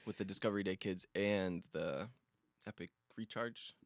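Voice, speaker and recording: A man's voice: sits low, moderate pace, dry recording, clean studio sound. A young man hosting a casual podcast, teasing and joking with his co-host and laughing often. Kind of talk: casual chat. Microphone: studio podcast microphone.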